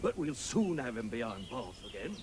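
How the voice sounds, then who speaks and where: A man's voice: mid-range voice, very animated, normal speed, crowd noise, close to an everyday voice. A man playing a pompous, officious police sergeant.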